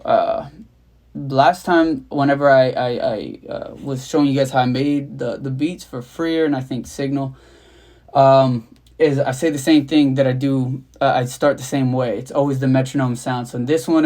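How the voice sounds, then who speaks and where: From his home studio, a young rapper and beatmaker hosts a relaxed livestream, where he rambles, laughs at himself and swears casually. His mid-range, darkish voice moves at a moderate pace with fairly even intonation.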